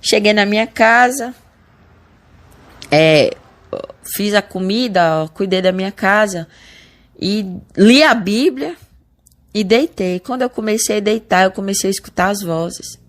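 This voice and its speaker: Speaking as a church member, a Brazilian woman shares an earnest spoken testimony of faith, addressing the listeners as brothers. Her voice is mid-range and her pace measured, with frequent pauses, restarts and repeated words.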